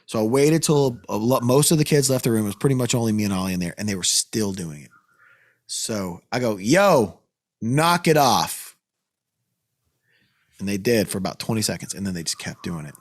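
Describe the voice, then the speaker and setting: Talking quickly in a lowish voice, a man hosting a podcast recounts a story during an informal chat. He curses a lot, stays animated, and gets louder as he becomes worked up.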